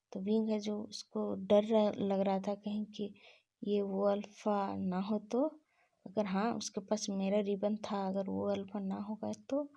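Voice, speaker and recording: Woman storyteller, casual retelling, soft and halting, gravelly low-key delivery. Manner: soft, halting, many repeats, half-whispered at times.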